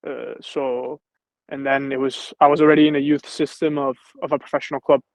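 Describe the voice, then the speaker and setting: In a rough recording with no room sound, a professional footballer from Venezuela, in his twenties, talks easily about his career as a casual interview guest. He speaks a little fast in a flat, gravelly, medium-pitched voice.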